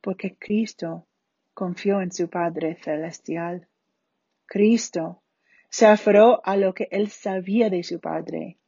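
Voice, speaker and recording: A woman from Spain, giving an earnest Bible study talk in a slow, deliberate way. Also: fairly low pitch, steady tone, vocal fry, mellow, slightly rough, dry recording. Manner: slow, deliberate, earnest delivery with falling phrase ends. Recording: dull muffled recording.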